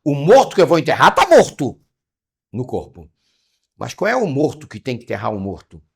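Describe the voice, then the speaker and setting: A man's voice: medium pitch, huge pitch swings, moderate pace, vocal fry, slightly rough. A man teaching a spiritual study class. He speaks animatedly, firing rhetorical questions and calling on listeners by name. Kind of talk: interactive spiritual lesson.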